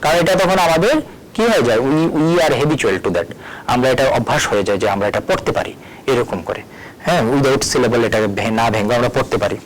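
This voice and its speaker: A man's voice: medium pitch, animated, fairly quick, a little hiss or hum, low-quality recording. Man teaching spelling out words. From Tripura, India. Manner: spells words letter by letter, switches between Bengali and English. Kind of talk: recorded board lesson. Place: at a board, erasing and writing.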